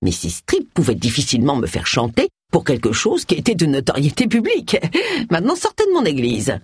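A man's voice: fairly high pitch, wildly swooping pitch, fairly quick, a little mellow, slightly rough, dry recording, clean studio sound, exaggerated voice. A woman reading aloud voices a stern, indignant male village pastor who talks in haughty exclamations.

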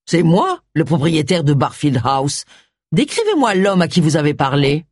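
A reader doing a brisk gentleman. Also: on the high side, big pitch swings, no echo, studio quality. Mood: firm. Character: gentlemanly man, a manor owner.

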